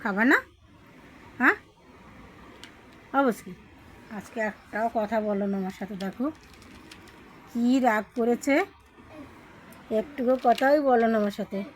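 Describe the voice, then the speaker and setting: A woman's voice: a little high, slow pace, pauses often, slight background noise, poor audio. A woman vlogger coaxing a pet to eat in cooing, singsong baby talk, with lots of endearing repetition.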